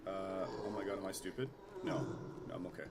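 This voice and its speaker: A man streams a game with casual live commentary, speaking briskly in a low voice. He's chatty and self-deprecating, swears now and then, and sounds nasal with a scratchy throat from a cold.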